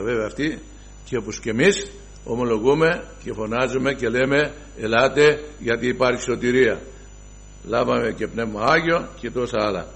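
A man preaching a sermon to his brothers, emphatic, swinging from loud exclamations to hushed asides and reciting scripture in formal archaic wording. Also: mid-range voice, creaky. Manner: addresses the listeners as brothers.

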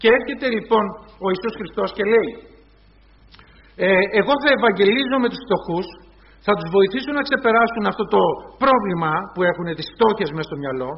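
A man's voice: high-pitched, highs cut off. A man preaching a sermon, retelling scenes in quoted voices and calling his listeners brothers.

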